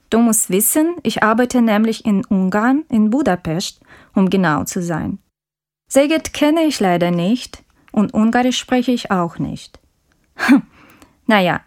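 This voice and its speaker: A woman playing a friendly language-course student who interviews a classmate in a scripted textbook dialogue, speaking politely with clear, careful diction. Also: fairly high pitch.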